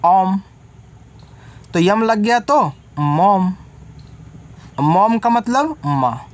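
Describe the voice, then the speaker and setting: A man with a high-pitched, expressive voice talks extremely slowly while teaching beginners English reading. Each word is spelled letter by letter, then explained, with frequent checks on whether the learner understands.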